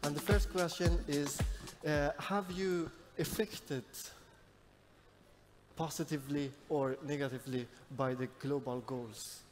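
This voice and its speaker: A young man from Iran moderates a stage panel, his voice a little higher than most men's. He speaks haltingly, pausing and filling gaps, and a headset mic picks him up on a large stage with faint music behind. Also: steady tone, a little mellow. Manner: hesitant, halting with many fillers.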